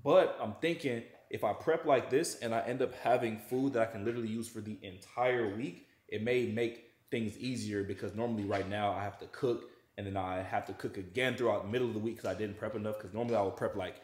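Cooking in a big home kitchen with an echoey sound, a young man who is a fitness vlogger chats to camera in a relaxed, slangy manner. He speaks fairly quickly in a lowish voice with a steady tone.

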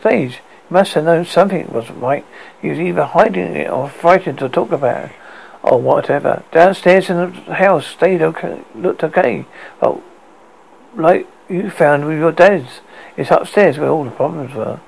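A British man voicing a concerned, weary middle-aged husband in a story, with a gravelly voice. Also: on the high side, moderate pace, darkish tone, low-quality recording. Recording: noticeable background noise.

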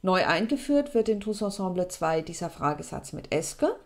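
A woman, explaining French question forms to students in a lively, chatty way. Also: normal speed. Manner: lively, chatty, plays with pitch for emphasis. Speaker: French teacher.

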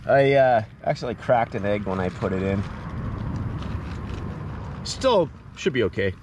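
A man's voice: fairly low pitch, animated, normal speed, a little mellow. A man in his thirties chats casually to an action camera held at arm's length. He rambles a bit and drops in plenty of ums and uhs. It was recorded outdoors beside a field, with a faint hiss under the voice. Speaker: outdoor vlogger and dad. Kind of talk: casual camping vlog talk to camera. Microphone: handheld action camera at arm's length.

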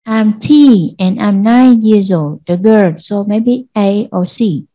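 A Vietnamese-accented woman teaching an English class to children, slow and patient, repeating answers for pupils. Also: mid-range voice, dark tone, dry recording, low-quality recording. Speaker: primary school English teacher. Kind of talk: online class lesson.

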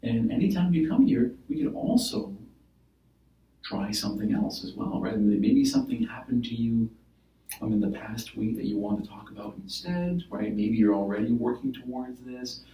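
Male therapist in a role-play demo, patient explainer, warm low tone, roomy room mic from afar. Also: animated, moderate pace. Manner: explaining gently with many "right?" and "like" fillers. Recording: roomy, from a distance.

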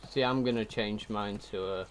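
A man hosting casual gameplay commentary, relaxed, walking a co-op partner through the controls. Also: on the low side, moderate pace. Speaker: gaming channel host.

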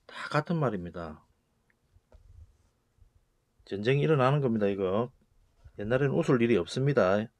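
A man giving a casual spoken lecture as a channel host, acting out rough retorts with sudden loud bursts. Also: medium pitch, dry recording. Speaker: channel host explaining word origins.

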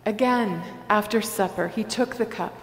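A woman pastor leading prayers and the communion liturgy in a large church sanctuary, with a slow, measured cadence. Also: mid-range voice. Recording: echoey church hall.

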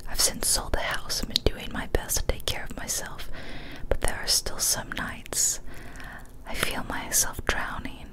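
A young woman who makes ASMR videos reads scary stories in a soft, breathy, unvoiced whisper, careful and hushed. She's close to a studio microphone on a boom arm in a small, decorated indoor room. The recording quality is low.

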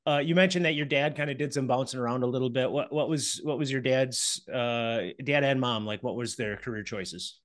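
Upbeat podcast host on a dry headset. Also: male voice, mid-range voice, fairly quick, hardly any pauses, no room sound. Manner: warm, upbeat, frequent fillers and restarts. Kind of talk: casual interview. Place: home office. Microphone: headset on a video call.

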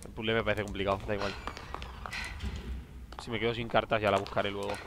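A man's voice: on the low side, level tone, quick pace, noisy background. A man with an accent from Spain doing casual, slangy gameplay commentary, often hesitant and muttering to himself. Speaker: gamer.

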